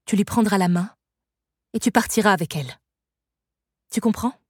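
Calm firm sorceress, read by a woman, soft-spoken, storybook, dry sound. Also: mid-range voice, moderate pace, husky, no echo, natural voice. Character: stern, sorrowful woman sorceress guardian. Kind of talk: audiobook reading.

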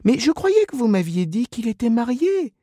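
A man's voice: very high-pitched, sing-song, normal speed, warm tone, dry recording, clean studio sound, voice pushed up, full character voice. A man doing a chatty shop clerk lady. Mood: gossipy.

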